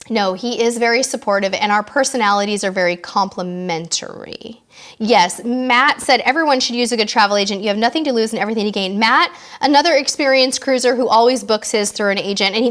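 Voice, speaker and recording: A woman in her forties with a high, bright-pitched voice hosts a live stream, chatting casually with viewers. She reads their comments aloud and answers each one, bubbly and full of quick asides. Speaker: host of a live cruise Q&A.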